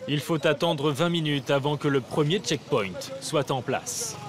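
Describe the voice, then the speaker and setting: A man narrating a documentary in a measured, matter-of-fact way. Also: on the high side, a crowd in the background. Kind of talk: scripted narration.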